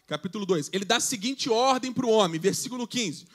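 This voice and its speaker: A man's voice: sits high, expressive, fairly quick, fairly bright tone. A man preaching a sermon to a youth service, conversational, reading scripture aloud and joking with the congregation. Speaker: pastor. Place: church service.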